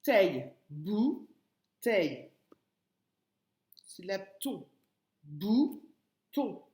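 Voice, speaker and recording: Woman, kindergarten teacher, phonics lesson, patient, syllable by syllable, medium pitch, roomy echo. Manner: slow, syllable-by-syllable, patient explaining. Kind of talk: phonics lesson for young children.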